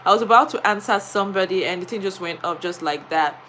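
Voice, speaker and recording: A woman's voice: medium pitch, quick pace, a bit bright, slight background noise. A woman with a Nigerian accent, a teacher, chatting on a live stream and telling a story with many fillers. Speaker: vlogger and teacher.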